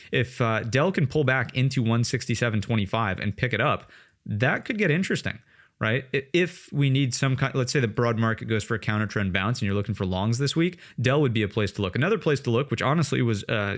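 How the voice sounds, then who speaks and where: Man, lowish voice, casual market chart walkthrough, filler-heavy, frequent "right?" tags, desk mic. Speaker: trading educator. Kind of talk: screen-share market analysis.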